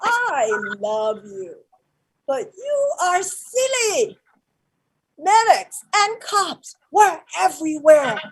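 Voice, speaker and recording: A fierce old grandmother, played by an actress on stage, her voice set high and swinging wildly up and down. She talks in slow, broken English, with bursts of shouting that drop into hushed murmurs. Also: very animated, a little hiss or hum, heavily acted, rough recording. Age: older. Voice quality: broken English, shifting between shouts and whispers. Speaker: actor. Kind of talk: live-streamed stage play.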